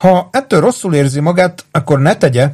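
A gruff, practical man helping with a crime in an audiobook thriller, as the male narrator reads him. He speaks in a blunt, matter-of-fact way, a little higher than the reader's plain voice. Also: animated, a little mellow. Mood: wary. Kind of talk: audiobook character reading.

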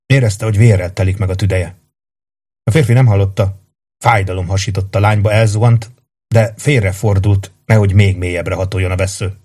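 A man narrating an audiobook in a measured, dramatic reading voice. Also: sits low, fairly even intonation, a little mellow.

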